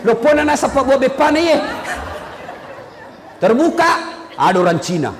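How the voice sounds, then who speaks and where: A man preaches a comic sermon, acting out the people in his stories and shouting the punchlines. His voice sits high for a man. It rings with a long hall echo over faint background noise. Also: moderate pace, some chatter behind. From South Sulawesi, Indonesia. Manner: animated storytelling, shouting punchlines and acting out characters. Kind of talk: humorous sermon to a crowd.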